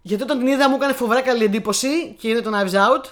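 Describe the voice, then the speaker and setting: A woman co-hosting a casual podcast, her voice slightly high. She talks with chatty enthusiasm and laughs easily as she goes. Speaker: podcast co-host. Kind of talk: casual chat about films.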